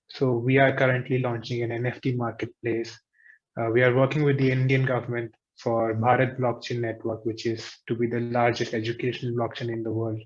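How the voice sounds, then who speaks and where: A man's voice: mid-range voice, dull audio. A man hosting a talk series over a video call, speaking evenly and in a businesslike way.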